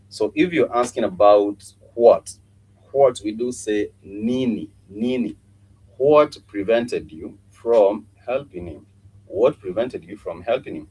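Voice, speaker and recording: Low-voiced man teaching a language. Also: darkish tone, slightly rough, rough recording. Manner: patient, repeats phrases and spells words out. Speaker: Swahili teacher. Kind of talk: live online language lesson.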